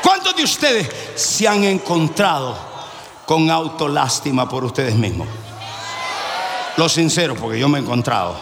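A male preacher with a high, gravelly voice, swinging between shouted exhortation and hushed, low appeals. He is heard from a large, echoey church hall with long reverb and clear music playing behind him. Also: very animated, unhurried, crowd noise, background noise. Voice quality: shouts often, then drops low and quiet. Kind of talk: fervent sermon.

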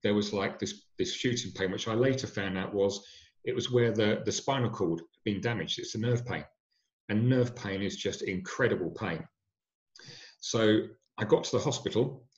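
A middle-aged man earnestly recounts a serious injury, halting often with fillers and restarts. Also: on the low side, echoey room. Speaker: injury survivor telling his story. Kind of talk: personal storytelling. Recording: dull lo-fi sound.

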